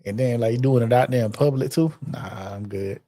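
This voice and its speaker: Mellow, dry-sounding podcast co-host man. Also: medium pitch, fairly quick, no echo. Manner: relaxed, short affirmations, easy laughter. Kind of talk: casual chat.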